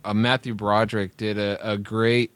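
A man in a casual movie discussion, halting and searching for words. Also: on the low side, flat delivery, clean tone, dry recording.

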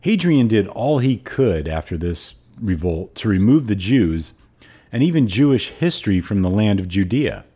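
A man hosting a podcast and reading aloud in a hoarse, froggy voice. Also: on the low side, very animated, moderate pace, warm tone. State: hoarse throat. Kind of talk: audiobook-style reading and podcast sign-off.

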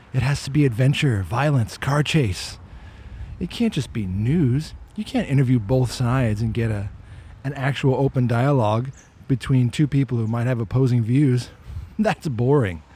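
A man's voice: medium pitch, warm tone, slightly rough. A man hosting a casual walk-and-talk podcast outdoors, talking in an opinionated, conversational way and often repeating words as he restarts. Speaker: podcast host.

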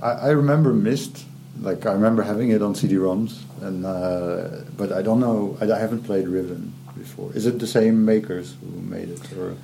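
A man's voice: on the low side, steady tone, normal speed, vocal fry, few pauses, mellow, slight background noise. A man hosting an interview, asking curious, easygoing questions. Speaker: interview host. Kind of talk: casual interview chat.

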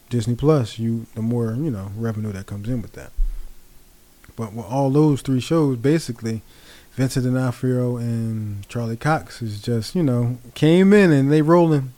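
A man with a mellow, darker tone talks casually as a vlogger. His delivery is loose and rambling, full of fillers and easygoing asides. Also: mid-range voice, moderate pace. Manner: rambling, relaxed, many fillers. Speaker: pop culture vlogger. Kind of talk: casual commentary.

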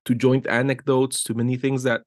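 Speaking a little fast with a medium pitch and flat delivery, a middle-aged art director from Guatemala is heard in clean studio sound without echo. In this casual interview he's enthusiastic and rambling, frequently restarting and tacking on "right?"

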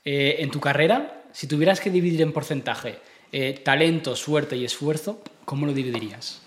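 A man hosting a casual podcast interview, easygoing and quick to react with exclamations. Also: on the high side, slight background noise. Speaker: podcast host.

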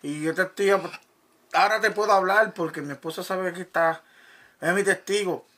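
A man's voice: high voice, normal speed, sharp tone. A man giving an earnest church testimony, often restarting his sentences. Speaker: church member sharing testimony. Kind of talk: conversational testimony.

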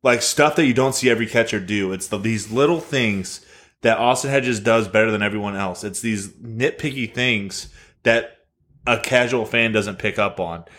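A man's voice: lowish voice, moderate pace, a bit bright. A man co-hosting a podcast, giving thoughtful, detailed explanations in casual sports chat. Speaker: podcast co-host.

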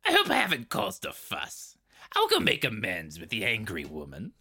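A man voicing a creepy, sly, rat-like male stranger who purrs and titters in a high voice. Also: wildly swooping pitch, moderate pace, gravelly, pushed and bright, slightly rough, exaggerated voice. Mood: purring.

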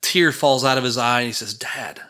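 A man's voice: medium pitch, fast, bright, forceful tone, clean tone. A man in his fifties, a church minister, telling a personal story in a rambling, conversational way. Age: 50s.

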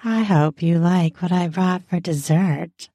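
Woman reading a husky seductive wife for an erotic story, soft purr, dark and dry. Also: on the low side, measured pace, no room sound. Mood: sultry. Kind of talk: read-aloud erotica.

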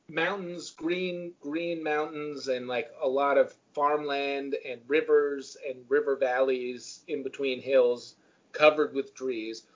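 Man, casual podcast chat, rambling, dry humor, somewhat high voice, dull lo-fi audio. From Vermont, USA. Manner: rambling, laughing, dry jokes. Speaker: podcast co-host. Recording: dull lo-fi sound.

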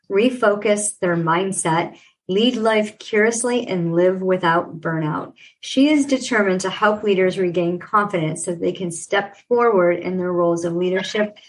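A woman's voice: mid-range voice, poor audio. A woman hosting a podcast, introducing her guest with effusive praise. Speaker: podcast host.

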